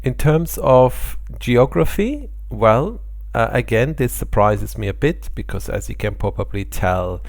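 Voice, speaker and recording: A middle-aged Austrian man, a native German speaker with an Austrian German accent, chats casually to camera about his channel statistics. He's an airline pilot who hosts the channel, and his medium-pitched, creaky voice is expressive and unhurried. The recording is dry, and he explains things in a friendly way with the occasional small laugh.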